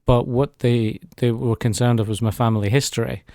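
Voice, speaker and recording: In a radio studio, a man in his 40s gives a personal testimony as an interview guest. His medium-pitched voice is steady, mellow and a little fast. The recording is studio quality with no echo.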